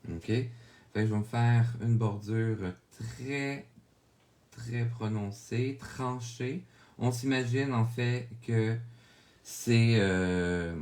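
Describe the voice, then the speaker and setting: A man with a Québécois French accent narrating a drawing tutorial, calmly explaining each step and often checking in with viewers. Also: medium pitch. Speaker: drawing instructor.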